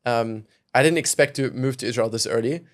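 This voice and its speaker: On a casual podcast, a young adult South African VC investor talks a little fast in a mid-range voice. He comes across as thoughtful, frequently hedging with phrases like "kind of" and "you know."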